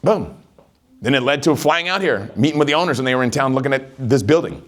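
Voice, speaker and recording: Talking fast at a medium pitch, a middle-aged man gives a motivational sales session as a network marketing trainer. He tells stories with plenty of energy and frequently engages the audience.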